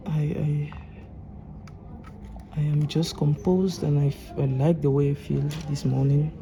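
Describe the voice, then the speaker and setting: A man with a Cameroonian accent, a repair technician talking calmly as he works, often restarting his sentences. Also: a little high, unhurried, creaky, crowd noise, poor audio. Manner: calm, explaining as he works, with frequent restarts. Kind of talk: casual workshop vlog talk.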